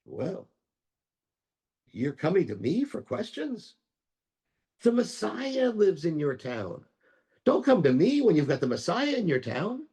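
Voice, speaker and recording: A man voicing a wise old male rabbi who is calm and firm and gently admonishing. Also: high voice, measured pace, long pauses, pitched above the performer's own voice, exaggerated voice. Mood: chiding.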